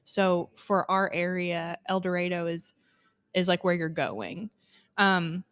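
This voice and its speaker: A woman's voice: on the low side, slow pace, fairly bright tone, smooth. A woman from Arkansas, chatting as a podcast guest in a friendly way. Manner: friendly, chatty, laughs easily. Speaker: guest, instructional design coordinator. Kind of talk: conversational interview answers. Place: conference hotel.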